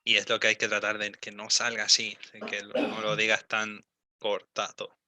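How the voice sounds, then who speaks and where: A young man, giving one-on-one English pronunciation coaching, patient and modeling words slowly with many fillers. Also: on the low side, completely flat delivery, bright, forceful tone. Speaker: English teacher.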